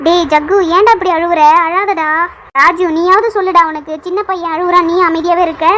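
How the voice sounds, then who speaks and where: ஒரு பெண் கார்ட்டூனில் குழந்தைகளைச் சமாதானப்படுத்தும் அக்கறையான ஆண்டிக்குக் குரல் கொடுக்கிறார். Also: female voice, very high-pitched, steady tone, brisk, a bit bright, a little hiss or hum. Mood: coaxing. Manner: coaxing, fussing. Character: kind motherly neighbour aunt, coaxing children. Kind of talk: cartoon voice acting.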